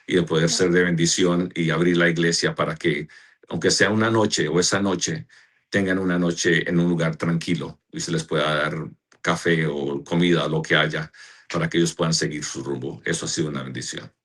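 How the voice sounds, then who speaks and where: A man, a pastor and church director, answering interview questions in a slow, earnest way as he searches for words. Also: a bass voice, little pitch movement, a bit bright.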